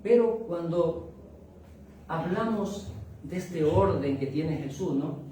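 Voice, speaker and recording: Guy preaching, kinda high voice, sounds far off in a noisy echoey church hall. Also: expressive, warm tone. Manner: preachy, drawn-out, asks the crowd "¿ah?" and "¿no?". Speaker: minister. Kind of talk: sermon.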